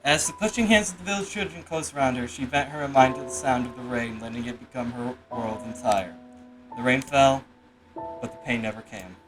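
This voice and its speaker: A man's voice: mid-range voice, fairly quick, rough recording. A man reading a novel aloud on a live stream from an apartment room, with casual joking asides. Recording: background game music.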